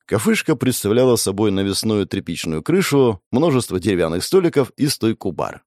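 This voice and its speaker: A man narrating a first-person story in an expressive, lively way. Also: lowish voice, fairly quick, no echo, studio quality.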